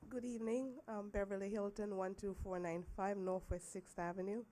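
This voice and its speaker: A woman addresses a public meeting as a resident making a comment. Her voice is hoarse from getting over the flu, and it sits at a middling pitch for a woman. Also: little pitch movement, normal speed, dark tone.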